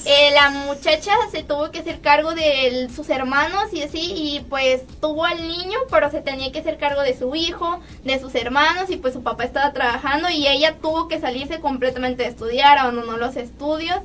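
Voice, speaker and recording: A woman's voice: high-pitched, brisk, few pauses, fairly bright tone, distant mic. A young woman, chatting in a group discussion and telling a story with acted-out quoted voices.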